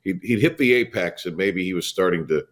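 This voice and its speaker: With a low voice and brisk delivery, an American sports radio host keeps things chatty, blunt, and teasing. Faint music plays under the studio broadcast, and crowd noise can be heard.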